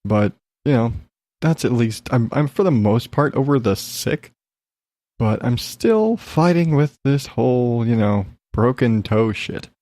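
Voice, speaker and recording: Here the host's medium-pitched voice is mellow and lively in intonation, and he takes his time. Alone on his podcast, he gives a rambling, outspoken, sweary update on his life, slightly congested from recovering after being ill. There's no echo.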